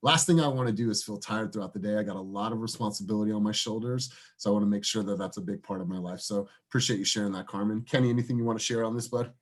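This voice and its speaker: Low guy running a team video call, chatty, keeps calling on people. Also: rapid-fire, few pauses. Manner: encouraging, asks people by name. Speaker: team leader. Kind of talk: casual group meeting chat.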